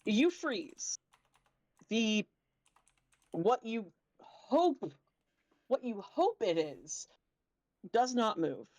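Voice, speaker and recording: A woman's voice: fairly high pitch, big pitch swings, very slow, long pauses, darkish tone, dry recording. A woman acting as game master, narrating a tabletop game casually, with informal, sweary asides.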